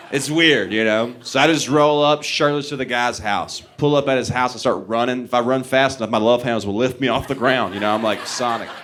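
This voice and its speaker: A man's voice: mid-range voice, fairly bright tone. Young male stand-up, rambling self-mocking storyteller, faint room hum behind. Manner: rambling, self-mocking, often laughing mid-line. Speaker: stand-up comedian. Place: comedy club stage before a live audience.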